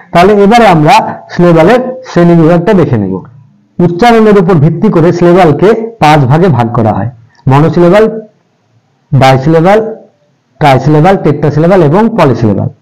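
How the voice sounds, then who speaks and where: A man's slightly high voice explains a grammar lesson with patience. He goes over each point more than once, and he draws out example words slowly, one part at a time. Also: very animated, darkish tone, poor audio. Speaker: English grammar teacher. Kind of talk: classroom-style explanation in Bengali.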